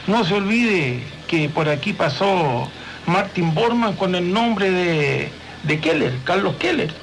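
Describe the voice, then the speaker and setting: A man being interviewed as a guest on a radio show, explaining things in a measured way. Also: high voice, expressive, gravelly, a little hiss or hum. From Chile.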